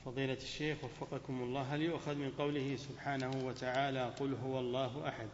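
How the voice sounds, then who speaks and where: A man's voice: mid-range voice, flat delivery, fast talker, slight background noise. A man formally reading out questions to a sheikh, opening each with a respectful address. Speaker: question reader. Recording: dull echoey hall recording.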